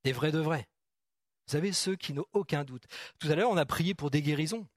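A middle-aged man preaches a sermon in a church hall, animated and questioning the congregation directly. His voice is a little high and brisk, captured in clean studio sound.

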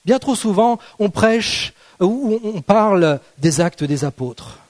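A man's voice: high voice, expressive, a little slow, a little mellow. A man preaching a sermon in a conversational, playful way, often asking the congregation rhetorical questions. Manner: playful, jokes with the audience.

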